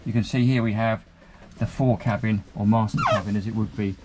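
The recording is very noisy as a male boat reviewer walks a handheld camera through a small motor boat cabin, cheerfully pointing out features as he moves. He speaks briskly in a lowish, steady voice, and his manner is chatty and upbeat.

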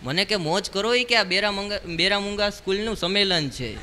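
A man's voice: high-pitched, bright, forceful tone. A man doing stand-up comedy on a stage mic, telling punchy jokes and checking in with the crowd. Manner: punchy joke telling, quick call-and-response to the crowd. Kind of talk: live stand-up comedy show. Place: live show in a large hall. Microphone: stage microphone. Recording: live hall recording with long reverb.

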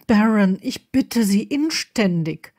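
A woman's voice: on the high side, lively intonation, moderate pace, darkish tone. A woman voicing a stern but kind older headmistress who speaks formally and urgently.

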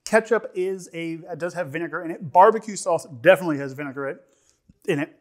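A young man giving a casual, humorous food review on camera, rambling and halting, repeating phrases and tossing in joking asides. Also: a little high. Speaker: snack reviewer. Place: indoor studio set with dark curtain backdrop. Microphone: lapel mic.

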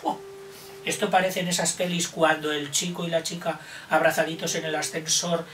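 An older man teaches a children's counting lesson, playfully racing the listener through number sequences. His voice is bright and fairly high. It sounds recorded from a distance in an echoey room. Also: little pitch movement, normal speed, a little hiss or hum.

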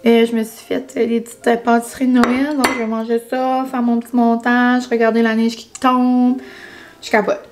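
A woman's voice: on the high side, little pitch movement, moderate pace, background noise. A young woman with a Quebec French accent chatting casually to camera, full of fillers and English words. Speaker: vlogger. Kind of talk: casual vlog chat.

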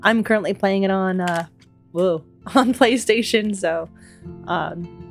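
At home on a headset, a young woman does casual let's-play commentary as a streamer, chatting, giggling, and reacting aloud despite a stuffy voice from a cough. She speaks slowly at medium pitch with a gravelly quality, over soft background music.

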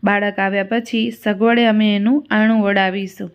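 A woman voicing a kindly, motherly female cobra goddess in a folk tale, gentle and reassuring, on a dull lo-fi recording. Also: mid-range voice, little pitch movement, moderate pace, clean tone, close to an everyday voice.

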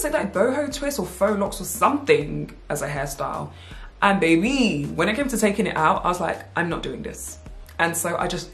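A woman, chatting casually through a Q&A video to her viewers, playful and animated with slang asides. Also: sits low, roomy sound. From United Kingdom. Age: 20s. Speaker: YouTube vlogger. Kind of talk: casual Q&A chat to camera.

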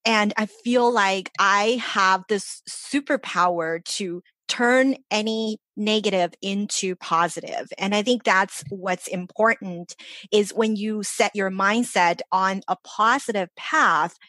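A woman born in China and raised in Los Angeles speaks as a life coach guesting on a podcast, sounding upbeat, earnest and motivational in a casual interview. Her medium-pitched voice is slow, pushed and bright, with no echo.

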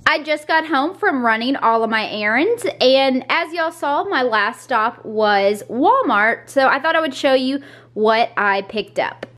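A woman, chatting upbeat to a handheld camera in her kitchen and car, and cooing to her dogs. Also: fairly high pitch. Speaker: vlogger. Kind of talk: casual vlog talk to camera. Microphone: handheld camera at arm's length.

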